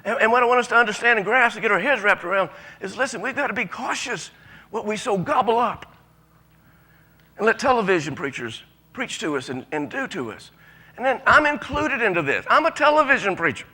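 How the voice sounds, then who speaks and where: A man's voice: very high voice, pushed and bright. A man preaching a sermon to a congregation, emphatic and folksy, with frequent restarts. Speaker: pastor.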